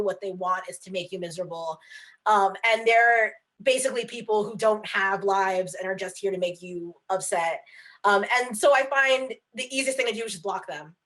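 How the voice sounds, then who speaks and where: On a casual video call, a woman author speaks candidly at normal speed in a mid-range voice. She often falls back on fillers and restarts her sentences.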